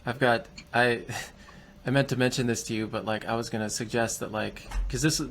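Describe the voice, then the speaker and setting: A man's voice: medium pitch, steady tone, moderate pace, a bit bright, a little hiss or hum. A man hosting a podcast, asking casual, rambling questions. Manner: conversational, rambling questions with restarts. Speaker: podcast host. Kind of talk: casual interview.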